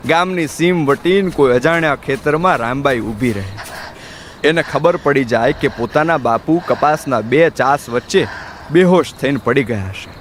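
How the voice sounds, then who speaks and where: A man narrating an audiobook in an expressive, dramatic storytelling manner. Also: medium pitch, moderate pace, a little hiss or hum.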